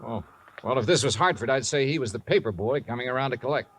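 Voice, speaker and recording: A mid-range, fairly bright male voice narrates and stars as a dryly wry, laconic insurance investigator in a 1950s radio drama. He talks fast, with light acting. The vintage radio recording carries music and slight background noise.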